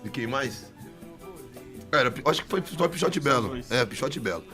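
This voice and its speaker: A man's voice: mid-range voice, moderate pace, faint music behind. Chatty São man telling stories. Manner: chatty, animated anecdotes with many restarts. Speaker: band vocalist, guest. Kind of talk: casual storytelling interview.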